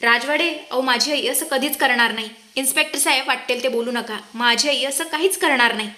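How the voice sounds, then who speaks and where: A woman's voice: high-pitched, brisk, sharp tone. A woman reading an indignant young wife. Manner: pleading, indignant. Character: young married woman defending her mother.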